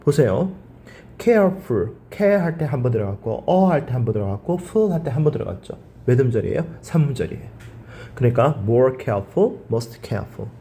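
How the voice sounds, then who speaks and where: A man's voice: medium pitch, lively intonation, moderate pace, warm tone, a little hiss or hum. A male teacher giving a grammar lecture. He asks his class questions, answers them himself and drills the words by repeating them.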